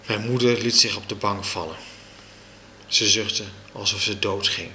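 A man reading a children's book aloud with slow, expressive storytelling. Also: on the low side, a little hiss or hum.

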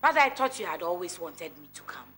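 An actress playing a determined woman pleading with her lover in a film drama, in a drawn-out, insistent way. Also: lowish voice, animated, sharp tone. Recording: music over outdoor film dialogue.

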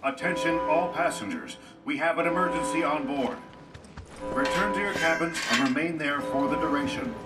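A ship announcer over the tannoy. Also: male voice, a little high, animated. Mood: urgent formal. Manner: formal, measured public address. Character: calm male ship crew announcer. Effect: ship loudspeaker announcement. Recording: distant loudspeaker under loud music.

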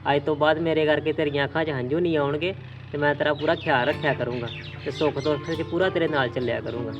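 A man's voice: a little high, steady tone, fast, highs cut off, lightly acted. A man playing a neglectful young husband in an amateur family drama, curt and dismissive. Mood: apologetic. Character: neglectful young husband who later repents. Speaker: son and husband; channel host.

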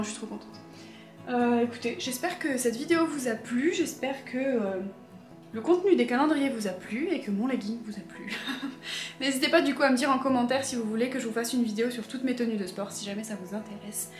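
A woman vlogger chatting to camera in a casual, excitable way, with frequent hesitations. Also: fairly high pitch. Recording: echoey room with faint music.

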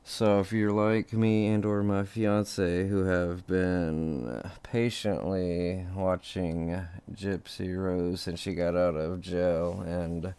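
A man's voice: sits low, steady tone, slow, few pauses, warm tone, clear, resonant tone. A man hosting his own gossip channel, talking casually and chattily and laughing at his own remarks.

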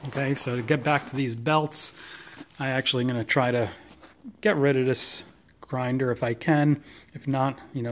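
A man gives a relaxed, chatty walkthrough of his garage workshop, filmed on a handheld phone. His voice stays fairly flat and even, at a middling pitch. Faint background noise sits under the recording. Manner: relaxed, chatty, lists tools with fillers. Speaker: knife maker giving a shop tour. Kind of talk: casual shop tour walkthrough. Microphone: handheld phone camera.

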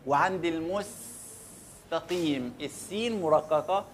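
A man with an Egyptian accent teaching Quran recitation, drilling words slowly and asking listeners to repeat them back. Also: fairly high pitch, slight background noise. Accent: Egyptian Arabic. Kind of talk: recitation lesson.

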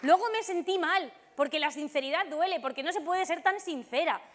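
A woman from doing a lively stand-up comedy monologue on a theater stage, acting out the people in her stories. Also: very high voice, a little fast, a faint crowd, slight background noise. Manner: lively storytelling, acting out quoted voices. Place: theater stage with live audience.

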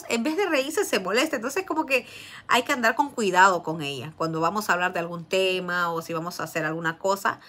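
A woman's voice: mid-range voice, bright, forceful tone. A woman in her thirties with a Peruvian Spanish accent, telling a family story in a chatty vlog, often laughing and full of fillers. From Peru. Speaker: vlogger. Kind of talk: casual storytelling.

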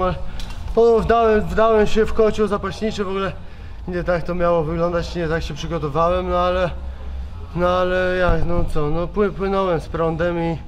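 A man in his thirties, worn out after a fight, answering reporters in a halting way, restarting and repeating words, speaking into handheld mics at a backstage press wall. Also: fairly high pitch, a little hiss or hum. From Poland. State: exhausted. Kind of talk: post-fight press interview. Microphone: several handheld reporter mics held close.

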